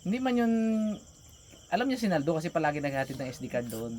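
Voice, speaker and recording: Guy chatting, animated storyteller, crickets faint behind him. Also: a little high, quick pace, background noise. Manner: animated, laughs often. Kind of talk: casual storytelling chat.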